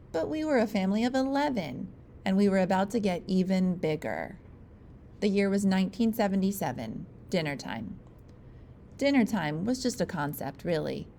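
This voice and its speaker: A woman reading a graphic memoir aloud in a lively storybook manner. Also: medium pitch, vocal fry, slight background noise. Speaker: reader.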